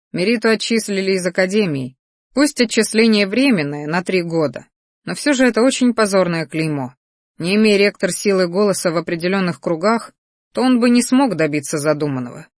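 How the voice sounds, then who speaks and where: A woman's voice: lowish voice, lively intonation, brisk, no echo, clean studio sound. A woman voicing a friendly young male battle-mage student who earnestly warns a friend in a fantasy audiobook.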